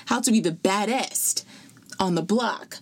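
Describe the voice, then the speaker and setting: A young woman in her twenties co-hosting a podcast in casual chat, upbeat and quick to laugh. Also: mid-range voice. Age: 20s. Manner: upbeat, laughs easily, chatty. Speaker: podcast co-host.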